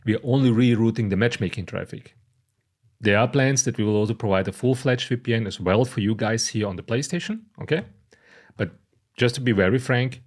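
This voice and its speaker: A man from Croatia, speaking English, walks through a setup step by step and checks in with "okay?" and "you know". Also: fairly low pitch. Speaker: product presenter. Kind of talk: casual screen-recorded tutorial.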